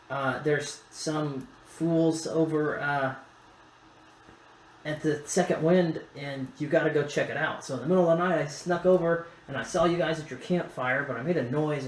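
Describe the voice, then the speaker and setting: A slangy gnome henchman who calls everyone bro, his voice pitched up high above a normal man's and stretched into a slow drawl, as a man puts him on. He stumbles and restarts, rambling on as if half lost. The room echoes, with faint ambient noise underneath. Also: close to an everyday voice. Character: brash bro-talking male gnome lackey.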